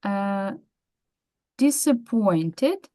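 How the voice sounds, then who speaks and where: Female student, Ukrainian accent, very slow, unsure one-word answers. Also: mid-range voice, expressive, dark tone. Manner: tentative, hesitant answers. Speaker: student volunteer.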